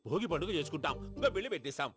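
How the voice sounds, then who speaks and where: A fussy old grandfather. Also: on the high side. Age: older. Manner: excitable, lively, fast comic film delivery. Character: older male grandfather, fussy and quick-tempered. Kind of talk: comic film dialogue. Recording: film soundtrack with loud music.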